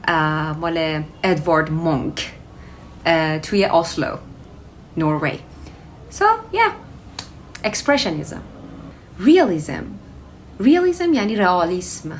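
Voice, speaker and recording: A woman, a native Persian speaker, teaching English vocabulary. She switches between Persian and English and slows down to model each word's pronunciation. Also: low-pitched, a little hiss or hum. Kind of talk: vocabulary lesson.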